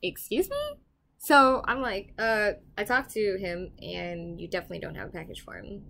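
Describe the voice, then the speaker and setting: A young woman casually telling a dramatic personal story to the camera, animated and given to swearing. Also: mid-range voice, normal speed, creaky. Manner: animated, swings loud and quiet, swears casually. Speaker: property manager telling a story.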